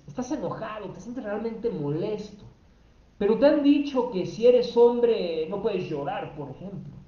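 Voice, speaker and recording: A woman's voice: mid-range voice, dark tone. A woman giving a spoken teaching talk about emotions, explaining step by step, asking rhetorical questions and repeating phrases for emphasis. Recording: roomy, slightly dull recording.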